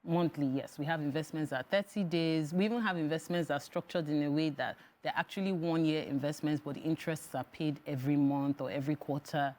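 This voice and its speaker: Low-pitched Nigerian woman giving advice. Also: fairly even intonation, quick pace, hardly any pauses, a little mellow. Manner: advisory, step-by-step explaining. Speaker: financial firm executive, interview guest. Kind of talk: explanatory studio interview.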